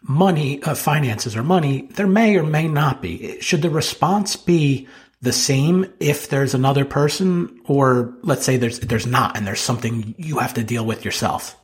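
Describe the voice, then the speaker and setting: A man's voice: mid-range voice, measured pace. A man hosting an interview in a conversational style, putting questions to his guest. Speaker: interview host.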